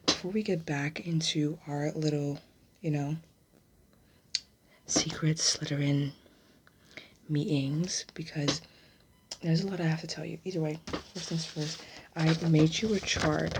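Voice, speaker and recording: Woman doing ASMR role-play as a gossipy witch schoolgirl, telling secrets all hushed, low and flat, noticeable noise behind. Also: a little slow, pauses often. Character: gossipy, bookish young witch student at a magic school.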